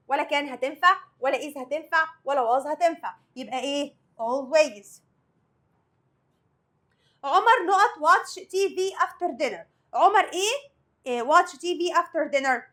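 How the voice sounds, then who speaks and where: A woman's voice: sits high, a bit bright. A woman English teacher with an Egyptian Arabic accent, going over vocabulary and grammar for an exam, asking the students questions and then answering them herself. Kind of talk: exam review lesson.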